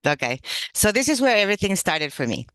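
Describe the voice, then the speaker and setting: Man presenting, halting with fillers. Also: high-pitched, very animated, bright, forceful tone, no room sound. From Chile. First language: Spanish. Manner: hesitant, many "um" fillers and restarts. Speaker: workshop presenter. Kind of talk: online workshop talk. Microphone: video call.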